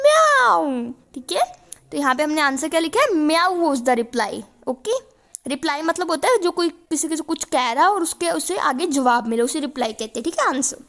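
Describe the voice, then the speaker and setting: High-voiced woman teacher explaining a chapter. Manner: mixes Hindi and English, reads questions aloud slowly then explains.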